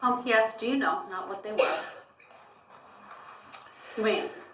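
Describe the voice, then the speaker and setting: A woman's voice: mid-range voice, expressive, normal speed, pushed and bright. A woman judge giving firm, formal rulings in a courtroom. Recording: echoey, noisy courtroom from far off.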